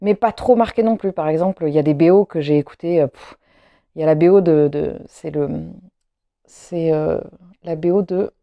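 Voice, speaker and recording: A woman's voice: low-pitched, moderate pace, no room sound, lo-fi sound. A woman vlogger chatting casually to camera at home, rambling with frequent hesitations and restarts. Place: at home, seated.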